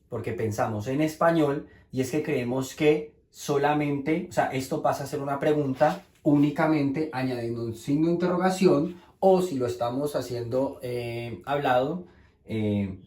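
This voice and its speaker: A man whose first language is Spanish, teaching English grammar at a board and slowing down to model each example sentence. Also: mid-range voice, a little mellow, echoey room.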